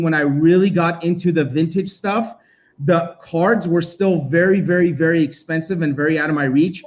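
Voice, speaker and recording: Chatty man collector, upbeat. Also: on the high side. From Armenia, raised in Los Angeles. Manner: talkative, quick to laugh. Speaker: collector guest. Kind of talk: casual chat.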